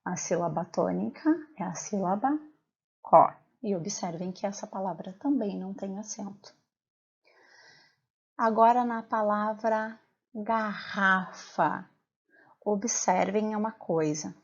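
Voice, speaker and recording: A Brazilian woman teacher talks her pupils through a recorded lesson, stopping to ask them questions. Her voice is gravelly and a little husky. The recording sounds dull and lo-fi. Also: medium pitch, normal speed, darkish tone. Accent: Brazilian Portuguese. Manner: clear, patient explaining with questions to pupils.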